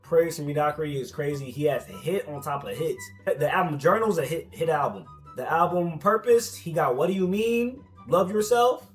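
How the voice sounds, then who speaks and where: A young American man giving casual, slangy reaction commentary in an animated, argumentative, repetitive way. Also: a little high, moderate pace, few pauses, faint music behind. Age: young adult. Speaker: commentator reacting to social media posts.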